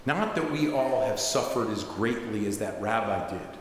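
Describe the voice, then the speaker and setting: A man's voice: fairly low pitch, expressive, normal speed. Male rabbi, conversational sermon storyteller, echoing hall with faint hiss. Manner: conversational, with asides. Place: synagogue sanctuary.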